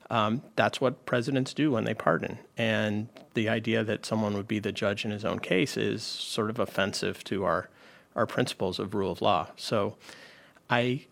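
Male legal analyst on radio, gravelly, lecturing manner. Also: fairly low pitch, fairly bright tone. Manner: lecturing, many restarts and fillers. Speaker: legal expert guest. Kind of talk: explanatory radio interview.

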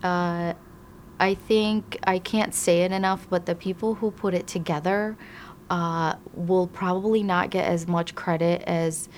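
Thoughtful lower-voiced woman from Iraq. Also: fairly even intonation, a little slow, a little hiss or hum. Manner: thoughtful, with frequent fillers and restarts. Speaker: interviewee, immigration attorney. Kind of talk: conversational interview answers.

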